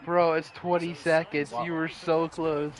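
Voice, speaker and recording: A young man with a high voice chats over a video game, rambling through his thoughts. He talks slowly, full of fillers, and swears freely. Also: little pitch movement, crowd noise. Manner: rambling, laughing, swears a lot. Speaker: gaming friend. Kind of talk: casual gaming banter.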